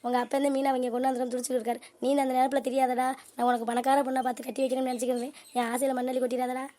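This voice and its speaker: A woman voicing a sharp-tongued, scheming middle-aged mother in a homemade cartoon, scolding her family. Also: high voice, level tone, rapid-fire, a little hiss or hum, lightly acted. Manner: scolding, bickering. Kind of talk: cartoon voice acting.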